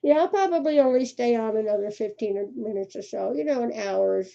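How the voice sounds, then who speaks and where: On muffled, lo-fi livestream audio, an older woman with a mellow, fairly high voice and vocal fry speaks briskly. She's chatty and laughs frequently while greeting viewers by name during her casual crochet stream.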